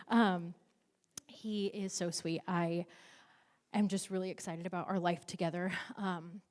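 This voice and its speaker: A woman's voice: lowish voice, steady tone, a little slow, pauses often, a little mellow. A woman giving an earnest graduation speech with many fillers. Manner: earnest, filler-laden, with light laughter. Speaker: guide dog graduate. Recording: long hall reverb.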